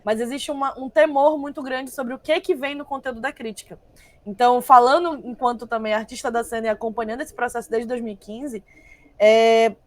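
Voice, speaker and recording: A young woman speaks as a panel guest, reflective and deliberate. Her voice sits somewhat high, and she often restarts her sentences while thinking aloud. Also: no room sound. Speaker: guest, text reviser. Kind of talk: panel discussion talk.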